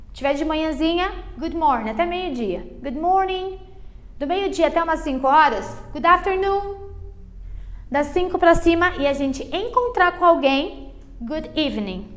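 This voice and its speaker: A Brazilian woman with a high, bright voice and a Brazilian Portuguese accent teaches English to beginners. She stretches out her explanations and keeps checking in with her students. Her tone stays patient and teacherly throughout. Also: expressive. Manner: patient, drawn-out explanations full of diminutives and check-ins like "ok?". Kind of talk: online English lesson for beginners.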